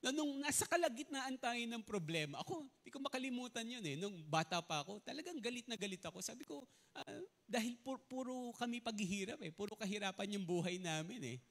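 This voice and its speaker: A man's voice: very high-pitched, animated, a little fast, fairly bright tone. A man preaching a sermon as pastor, often mixing in English and asking the congregation if they follow. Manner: mixes in English, asks the congregation questions often.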